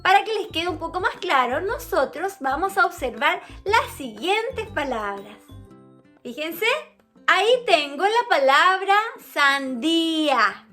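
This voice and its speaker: A young woman teaches a lesson to children in a high, bouncing voice that climbs and dips. She speaks slowly and patiently, stretching out each key word. Soft children's music plays faintly behind her. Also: lively intonation. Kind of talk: online grammar lesson for children.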